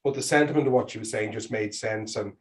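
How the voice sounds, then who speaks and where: A middle-aged man with a Dublin Irish accent, talking casually as an interview guest in an informal, halting way, as if thinking aloud. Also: on the low side. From Dublin, Ireland.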